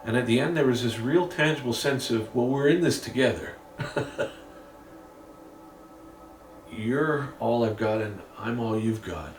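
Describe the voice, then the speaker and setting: A man's voice: medium pitch, slow, pauses often, slight background noise. A man candidly reflecting in a casual, rambling monologue, swearing now and then. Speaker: musician vlogging an update. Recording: roomy, distant mic with faint ambience.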